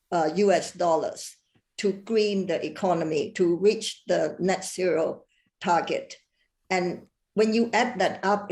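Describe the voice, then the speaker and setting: A woman professor speaking as a panelist on a video call, deliberate and earnest. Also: lowish voice, gravelly, darkish tone. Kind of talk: online panel talk.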